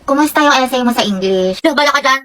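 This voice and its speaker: A young woman acting out a comedic skit as several schoolgirls, quick and teasing, with sudden exclaiming yelps. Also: high voice, sharp tone, a little hiss or hum.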